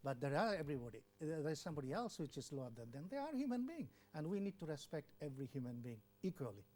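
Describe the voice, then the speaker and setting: A fast-talking older man from Bangladesh, once a health official and WHO country representative, earnestly relates his life in an interview. His fairly high voice has a darkish tone and big pitch swings. Repeating words, he acts out the dialogue he remembers.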